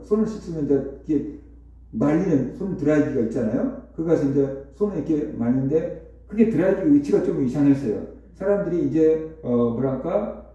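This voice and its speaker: A man preaching a conversational sermon as pastor, telling a story with rhetorical questions and lively repetition. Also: on the high side. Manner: repetitive, animated retelling. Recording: echoey hall, distant dull mic.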